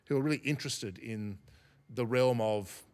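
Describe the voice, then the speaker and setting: A man speaking as a guest academic in an interview, reflective and unhurried, often restarting his sentences. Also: mid-range voice, darkish tone. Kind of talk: thoughtful podcast interview.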